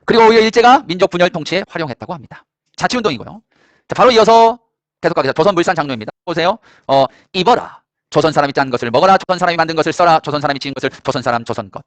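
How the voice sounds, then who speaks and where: Male history teacher, high and animated, rapid-fire lecture, dry close sound. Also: dry recording. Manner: energetic, jokey, quizzes students. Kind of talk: classroom lecture. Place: classroom with students.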